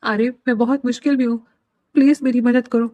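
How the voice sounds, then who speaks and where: A woman's voice: on the high side, steady tone, warm tone, dry recording, lightly acted. A woman voicing a frightened young woman who pleads through tears. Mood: tearful. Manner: tearful pleading.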